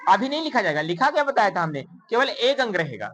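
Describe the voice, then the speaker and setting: A woman's voice: mid-range voice, very animated, quick pace, fairly bright tone, low-quality recording. A woman math teacher in a classroom, counting digits aloud, mixing in English number words, and quizzing her pupils with repeated questions in a coaxing way. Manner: calls pupils "beta" in a coaxing tone. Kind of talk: classroom lesson.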